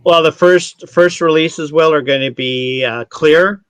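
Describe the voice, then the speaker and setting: A man's voice: a little high, a little slow, smooth, dry recording. A man from Canada, a brand ambassador explaining spirits in a casual online tasting chat, rambling and correcting himself as he goes.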